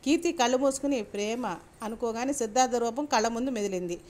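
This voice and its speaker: A woman reading a serialized novel aloud in a steady, measured storytelling voice. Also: fairly high pitch.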